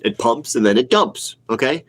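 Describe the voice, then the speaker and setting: This livestream host, a retail investor around forty, is sick with a cold and sniffles while answering viewer comments in a casual chat. His medium-pitched voice is animated and a bit bright, moving at normal speed. He's blunt and opinionated and says things twice to drive them home.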